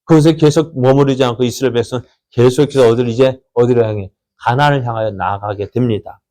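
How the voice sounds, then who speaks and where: A Korean-speaking man preaching to his congregation. He asks questions, answers them himself, repeats phrases for emphasis, and reads scripture slowly. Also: fairly even intonation, mellow. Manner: repeats phrases for emphasis, rising and falling pitch. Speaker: pastor. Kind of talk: sermon.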